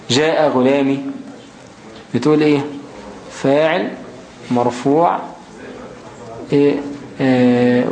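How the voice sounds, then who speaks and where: A man with an Egyptian Arabic accent explaining a grammar text. He reads it out slowly, then keeps asking rhetorical questions as he goes. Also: medium pitch, gravelly, a little mellow. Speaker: grammar teacher. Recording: roomy echo, faint background noise.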